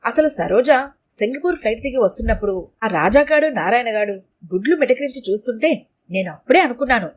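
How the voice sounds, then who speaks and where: A woman's voice: a little high, lively intonation, quick pace, slightly rough. Melodramatic middle-aged wife, wailing over soap operas, voiced by a woman narrator. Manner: wailing, dramatic.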